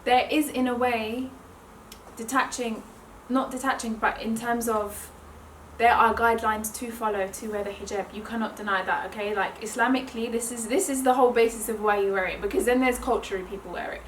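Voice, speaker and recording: A woman's voice: a little high, fairly even intonation, brisk, a little hiss or hum. A student woman speaking reflectively in an interview, with many casual fillers. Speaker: fashion design student. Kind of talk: documentary interview. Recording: roomy, mic set far off.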